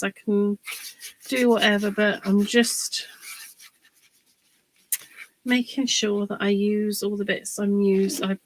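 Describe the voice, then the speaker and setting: A woman with a mid-range voice talks casually with viewers as she works through a live crafting demo, chatty and never rushed. The recording is rough.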